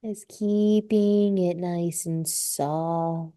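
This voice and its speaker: A woman teaching a live yoga class, giving slow, soothing cues and drawn-out breath prompts. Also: fairly low pitch, fairly even intonation, warm tone, smooth. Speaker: yoga instructor. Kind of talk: guided yoga class instruction.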